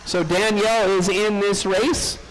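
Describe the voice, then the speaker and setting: A man running the race-day announcements at an RC track, calling drivers and lineups in a brisk, chatty way. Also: sits high, steady tone, a bit bright, rough recording. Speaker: race director. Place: indoor RC raceway.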